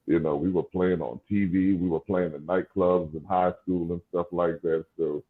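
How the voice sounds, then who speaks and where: Deep velvet-voiced man on a phone-like line. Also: fairly even intonation, moderate pace. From New Orleans, USA. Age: around 40. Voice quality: smooth, velvety low voice. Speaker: guest musician. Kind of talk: casual interview chat. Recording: thin, phone-like call audio.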